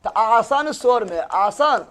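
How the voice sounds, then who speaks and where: Very high-voiced teacher. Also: male voice, expressive, slow pace, fairly bright tone. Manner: drills students with repeated questions and answers. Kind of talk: classroom lecture.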